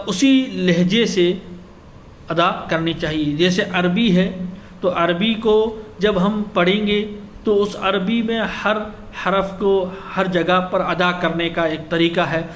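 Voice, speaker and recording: A male teacher giving an exam-prep lecture, explaining step by step and answering his own questions. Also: high-pitched. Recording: echoey room with faint ambient noise.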